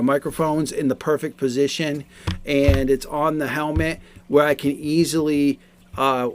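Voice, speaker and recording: A man in his forties, with a slightly high voice, gives a casual, explanatory product review. He talks haltingly and repeats himself.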